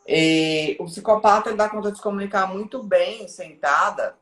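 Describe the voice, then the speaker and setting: A woman's voice: medium pitch, moderate pace, echoey room. A woman speaking as a guest on a live stream, explaining in a teaching way and often checking in with the listener.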